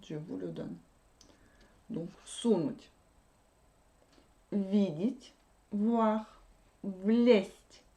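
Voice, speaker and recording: Woman, language teacher, slow, mellow voice, patient explanations. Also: on the low side. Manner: repeats and explains each word patiently. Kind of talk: language lesson.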